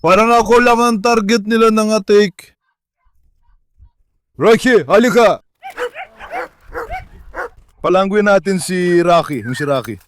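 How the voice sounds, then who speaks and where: Coaxing high-voiced man calling to dogs. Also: takes it slowly, pauses often, fairly bright tone, no echo. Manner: coaxing, affectionate calls to his dogs. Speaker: vlogger and dog owner. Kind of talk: casual vlog talk to pets and viewers. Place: outdoors at a backyard pool.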